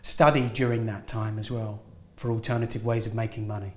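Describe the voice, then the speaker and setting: A guest actor with a lowish, darkish voice speaks briskly and flatly while offering earnest, encouraging advice. The casual interview takes place in a film studio at a school event, and the room sounds roomy and echoey.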